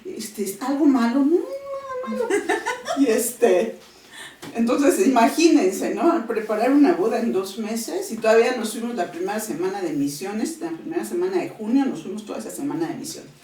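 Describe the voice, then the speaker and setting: A woman's voice: mid-range voice, normal speed. A woman in her thirties giving a heartfelt personal testimony in an interview, acting out what her family said. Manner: expressive storyteller, voices quoted family. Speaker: interview guest. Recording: echoey room, mic at a distance.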